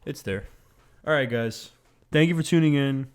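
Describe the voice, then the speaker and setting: A man's voice: medium pitch, normal speed, clean tone. A man hosting a casual home podcast, joking and teasing in a crude, offhand way. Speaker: podcast host. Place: home in Miami.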